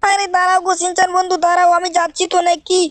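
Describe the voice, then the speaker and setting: A woman's voice: extremely high pitch, completely flat delivery, very fast, no echo. A woman voicing a cheerful, loyal cartoon cat in a fan-dubbed game video, chirpy and reassuring. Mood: worried.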